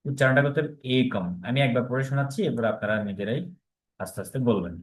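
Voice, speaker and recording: A man teaching an online class, patiently repeating each word slowly so the students can copy it. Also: mid-range voice. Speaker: Sanskrit teacher.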